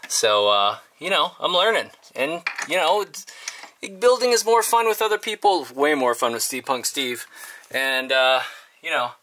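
A man's slightly high, sing-song voice comes across a little slow, bright, and forceful, with slight background noise. Hosting a casual DIY vlog, he talks informally and rambles as he works, holding the camera at arm's length inside a converted school bus and outdoors beside it.

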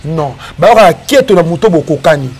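Emphatic high-voiced man arguing. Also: expressive, brisk, crowd noise. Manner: emphatic, repetitive, mixes French and Lingala. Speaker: fan interviewee. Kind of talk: animated street debate.

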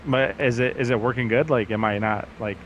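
A man's voice: mid-range voice, steady tone, brisk, muffled recording, noisy background. A man co-hosting a podcast, chatting casually and joking on a group call from his basement while fiddling with his setup. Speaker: podcast co-host. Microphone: computer mic on a group call.

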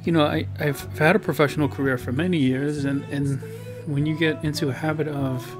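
A man's voice: fairly high pitch, fairly even intonation, brisk. Chatty, rambling man over guitar music. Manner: rambling, filler-heavy, self-deprecating. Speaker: digital painter and video host. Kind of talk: casual voice-over commentary on his painting. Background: background guitar music.

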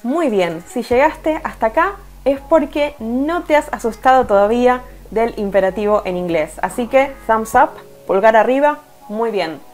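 A woman's voice: a little high, expressive, moderate pace, a little mellow, soft background music. A woman with a Rioplatense Spanish accent who teaches English in an online lesson. She explains step by step, reading each English sentence and then translating it.

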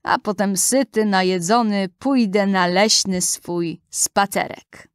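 A woman voicing a sly, hungry male wolf in a rhyming storybook, musing slowly and low. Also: smooth, dry recording, studio quality, natural voice. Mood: scheming.

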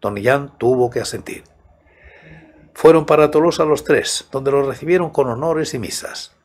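An older man in his sixties narrates as an audiobook storyteller. His voice is husky and mid-pitched, with a measured, soft-spoken delivery close to the mic. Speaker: host and narrator of horror audiobook channel. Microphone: large studio microphone close to the mouth, headphones.

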